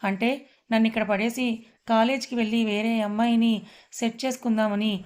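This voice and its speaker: A woman's voice: fairly high pitch, little pitch movement, a little fast, darkish tone, close to an everyday voice. A woman voicing a playful young woman in love, teasing and mock-angry.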